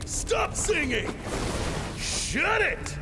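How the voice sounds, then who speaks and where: A man's voice: very high voice, huge pitch swings, drawn-out words, loud music behind the voice, full character voice. An actor playing a cruel, sneering military commander in a video game, commanding and full of contempt, with menace in his delivery. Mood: mocking, enraged.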